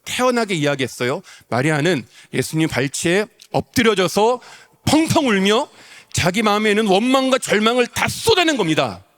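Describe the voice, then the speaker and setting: Male pastor, sermon, emphatic repetition, fairly high voice, long church-hall reverb. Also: big pitch swings, moderate pace, fairly bright tone. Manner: emotional preaching, repeats phrases for emphasis. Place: large church sanctuary.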